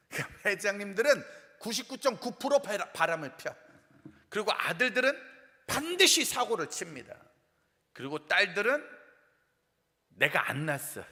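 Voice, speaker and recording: A man preaching a humorous revival sermon as a pastor, playful and animated, acting out the complaints of the people he talks about. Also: high-pitched. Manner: playful, animated, acts out quoted complaints and sings snippets. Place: church sanctuary. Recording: long hall reverb.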